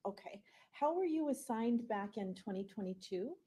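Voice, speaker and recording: A woman prosecutor questioning a witness in a conversational, somewhat halting way. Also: a little high, lively intonation, mellow.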